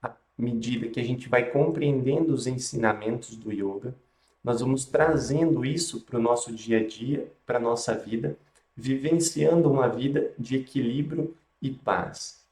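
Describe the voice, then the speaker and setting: Slow-paced Brazilian man in an echoey room. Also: medium pitch, a little mellow. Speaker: yoga and meditation teacher hosting a live stream. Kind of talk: calm instructional talk and guided relaxation.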